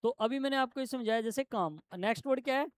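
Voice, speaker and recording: A man teaching shorthand to a classroom, explaining step by step and quizzing his students with quick questions. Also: very high-pitched, clear, resonant tone. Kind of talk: classroom lesson.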